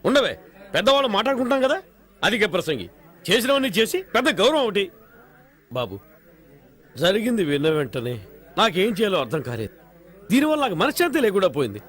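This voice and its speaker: A frantic middle-aged father from a comic film, who scolds and begs in rapid, repeated bursts. His voice sits very high and swings all over the place, tumbling out at a quick clip. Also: huge pitch swings, fairly bright tone, full character voice. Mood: pleading. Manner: frantic, repetitive pleading.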